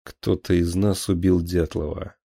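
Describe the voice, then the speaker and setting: A blunt, insistent young detective, voiced by a man in an audiobook. He states his claims flatly in a low, dark voice. The sound is dry and close. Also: a little slow, gravelly, no echo, full character voice.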